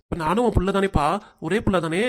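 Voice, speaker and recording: A man's voice: high voice, quick pace, natural voice. A man voicing a young college-age son in a cartoon, earnestly pleading with his parents. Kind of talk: cartoon voice acting.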